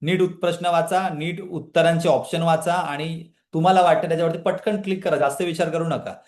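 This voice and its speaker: Higher-voiced male trainer, echoey room. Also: brisk. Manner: energetic motivational talk, questioning the audience, often addressing a live chat. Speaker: trainer leading a women's empowerment session. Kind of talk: live online coaching session.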